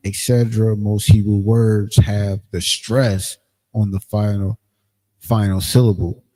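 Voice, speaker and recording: A man teaching a livestreamed language class, explaining in a casual, halting way with frequent pauses and ums. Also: lowish voice, mellow. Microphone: streaming setup, screen sharing.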